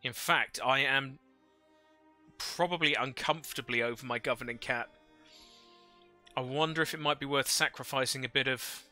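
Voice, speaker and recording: A man's voice: mid-range voice, moderate pace, long pauses, bright, forceful tone, faint music behind. A man livestreaming a strategy game into a headset mic, thinking aloud and chatting with viewers. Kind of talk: casual live gameplay commentary.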